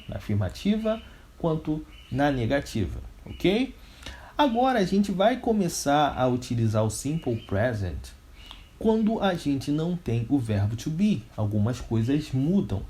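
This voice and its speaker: A man with a fairly high-pitched, dark voice and a Brazilian Portuguese accent teaches an English grammar lesson in a didactic, step-by-step way, posing questions and answering them himself.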